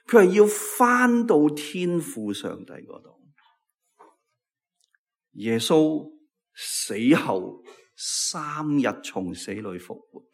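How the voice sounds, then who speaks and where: A man preaching a sermon in Cantonese, swinging between loud emphatic phrases and hushed, low endings. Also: breathy edge. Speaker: pastor.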